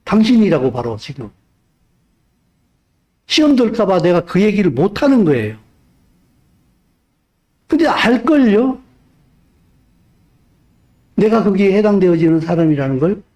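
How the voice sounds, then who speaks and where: Man, pastor preaching, high voice, very lively pitch, emphatic, rhetorical questions. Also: a little slow, pauses often. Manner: emphatic, rhetorical questions, swings between loud urging and hushed speech. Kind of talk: sermon.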